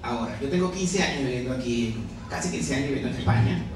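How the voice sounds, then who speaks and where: Talking fast and animatedly in a mid-range voice, this Venezuelan author in his forties introduces his book at a crowded café. He's chatty and self-deprecating with frequent laughter, while the far-off mic picks up echo, crowd noise and a little hiss or hum.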